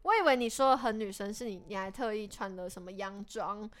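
A young woman with a Taiwanese Mandarin accent, co-hosting a casual podcast chat, reacting to her friend's story with teasing questions and quick laughs. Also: mid-range voice. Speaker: podcast co-host.

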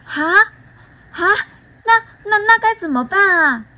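A woman voicing a timid talking mouth in a storybook read-aloud, high-pitched and prone to stammering. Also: lively intonation, a little slow, sharp tone, exaggerated voice. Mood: panicked.

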